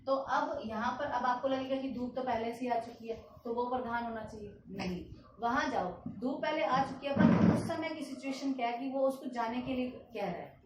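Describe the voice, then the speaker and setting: A woman's voice: on the high side, normal speed, background noise. A woman teaching a grammar lesson, explaining step by step, repeating examples and answering her own questions. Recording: echoey room, distant mic.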